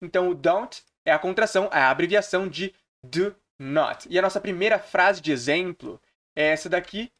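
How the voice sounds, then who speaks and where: Brazilian man teaching English slowly. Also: sits high, a bit bright. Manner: slow, deliberate repetition of example phrases. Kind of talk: screen-recorded language lesson.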